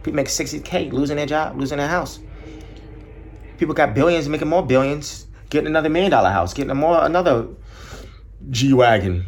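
Speaking a little fast in a husky voice, a male podcast host rants alone on his show. He's blunt and profane, rambles through asides, and mocks other people in high voices.

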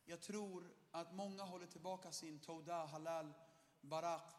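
A young man preaching a lively sermon in a church hall, animated and laughing often, with bursts of shouting. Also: fairly high pitch. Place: church hall with long reverb.

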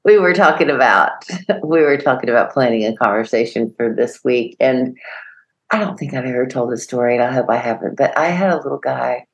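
A middle-aged woman co-hosting a podcast, telling a story in a lively way and acting out the voices of the people in it. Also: a bass voice, a little fast, dull audio. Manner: animated storyteller, acts out quoted voices, laughs often. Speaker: podcast co-host. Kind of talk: casual storytelling chat.

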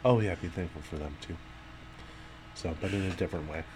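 Man, company podcast host, very low voice, dry jokey delivery, noisy line. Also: fairly quick. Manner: deadpan, playful jokes. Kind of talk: joking casual podcast chat.

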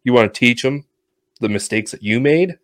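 A man's voice: medium pitch, lively intonation, moderate pace, fairly bright tone, dry recording, clean studio sound. A man in his twenties co-hosting a casual podcast, telling earnest, reflective stories. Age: 20s. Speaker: podcast co-host, tow operator. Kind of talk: casual chat.

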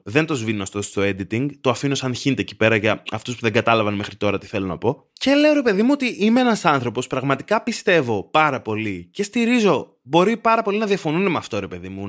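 A man in his thirties hosting a solo podcast from his bedroom, ranting in a sardonic, deadpan way. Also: medium pitch. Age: 30s. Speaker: podcast host. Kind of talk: solo comedic podcast monologue.

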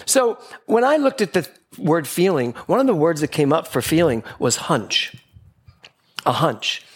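Male spiritual speaker to a live audience, playful, acts out quoted voices, very lively pitch. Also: measured pace, breathy edge. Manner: playful, animated, acting out little exchanges in quoted voices. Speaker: speaker giving a spiritual talk. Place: gathering hall with a live audience.

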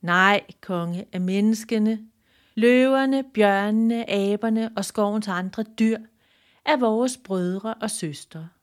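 A woman voicing a calm, noble male deer king who speaks solemnly and steadily. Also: medium pitch, lightly acted.

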